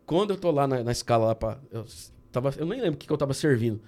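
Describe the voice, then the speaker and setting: A man from Brazil, a guest on a podcast, telling a personal story in a casual, animated way and often saying "cara". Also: mid-range voice, rapid-fire. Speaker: podcast guest, candy entrepreneur.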